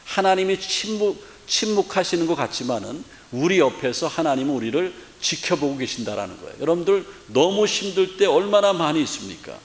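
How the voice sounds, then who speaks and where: A man's voice: fairly high pitch, expressive, fairly quick, hardly any pauses. A man from Korea, a pastor giving an earnest sermon full of rhetorical questions and filler sounds. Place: church sanctuary. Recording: long church hall reverb.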